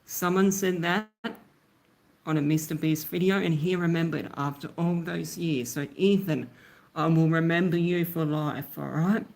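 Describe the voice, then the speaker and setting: A man's voice: fairly high pitch, fairly even intonation, measured pace, gravelly, darkish tone. An Australian man chatting casually on a phone livestream, thanking viewers by name as he goes. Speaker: YouTuber live-streaming.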